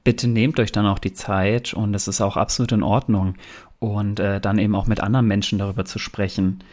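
Male co-host, lowish voice, earnest and conversational motivational advice, explained through examples. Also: level tone, a little fast, darkish tone. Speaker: podcast co-host.

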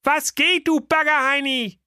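Irritable talking dud bomb for a comic audio fairy tale, squeaky and cheeky, slangy grumbler. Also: male voice, steady tone, unhurried, bright, forceful tone, no room sound, studio quality, heavily acted. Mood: grumpy.

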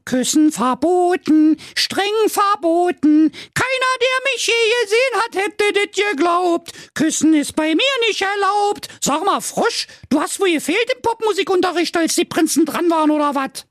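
A man voicing a spoiled, rude rich young woman in a shrill falsetto with a Berlin accent. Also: lively intonation, measured pace, hardly any pauses, a bit bright, dry recording, studio quality, exaggerated voice. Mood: mocking.

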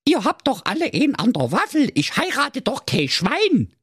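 A cheeky young princess with a broad Saxon accent, as a male narrator puts her on, speaking in a high falsetto. She teases and scoffs boldly, in a dry, close storybook reading. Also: huge pitch swings, moderate pace, fairly bright tone, breathy edge, no room sound, full character voice. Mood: indignant. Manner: cheeky, teasing.

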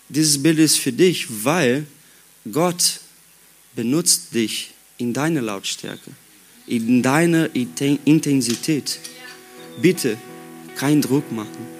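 Slow-speaking Brazilian man preaching. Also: a little high, faint music behind. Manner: slow, halting German with non-native grammar. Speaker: youth pastor. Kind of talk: sermon at a youth retreat. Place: worship room before a youth audience.

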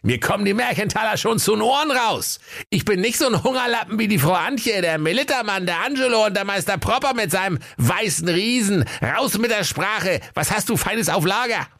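A man voicing a stingy, vain rich man who blusters and whines in a high, cartoonish voice. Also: big pitch swings, moderate pace, few pauses, a bit bright, heavily acted. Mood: boastful.

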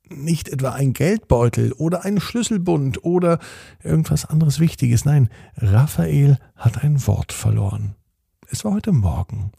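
A man hosting and narrating a bedtime story in a soothing, expressive way. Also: medium pitch, creaky, slightly rough, no echo, studio quality.

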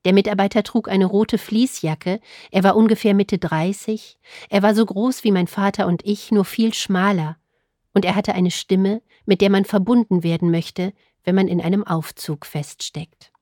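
A young adult woman reading her own short story aloud in a calm, measured, wry manner. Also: medium pitch, no echo, studio quality.

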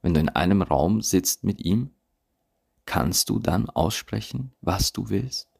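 A man's voice: low-pitched, lively intonation, measured pace, creaky, darkish tone, slightly rough. A man hosting a podcast monologue as a coach, talking intimately and with emphasis, sometimes dropping to a whisper. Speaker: podcast host and tantra coach. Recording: recorded without usual laptop setup.

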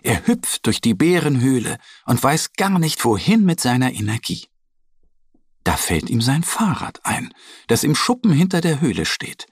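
A man narrating a children's story in a slow, lively storytelling manner. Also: medium pitch, breathy edge, no room sound, clean studio sound.

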